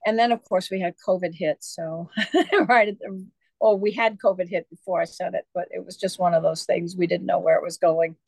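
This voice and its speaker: Here the interviewed author is a woman with a fairly low, somewhat mellow voice, speaking briskly and with fairly even intonation; there's no room sound. She's chatty and digressive, rambling through long stories loaded with fillers in a relaxed storytelling interview.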